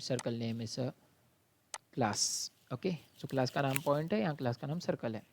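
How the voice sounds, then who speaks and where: A man from India, a college lecturer teaching programming, who explains patiently step by step, calls his students "beta" and reads exam questions out slowly. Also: a little high, a little mellow.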